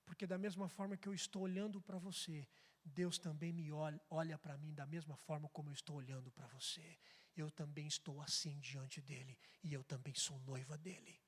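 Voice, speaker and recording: A pastor voicing a gentle husband who forgives his wife, speaking slowly and softly in an echoey church hall. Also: fairly high pitch, fairly even intonation, slightly rough, pitched below the performer's own voice. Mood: tender, calm. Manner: slow, soft, tender.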